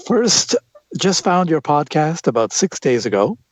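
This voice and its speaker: A man's voice: high voice, breathy edge, no echo. Male podcast co-host, slushy lisped s, casual read-aloud delivery, very dry recording. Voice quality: lisp with slushy s sounds. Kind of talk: casual podcast talk and reading aloud listener feedback.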